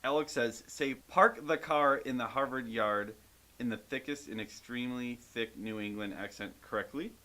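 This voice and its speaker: A man's voice: mid-range voice, normal speed, pushed and bright. A man co-hosting a podcast, reading out viewer questions and answering them in a loose, casual chat that has plenty of swearing. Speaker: podcast co-host.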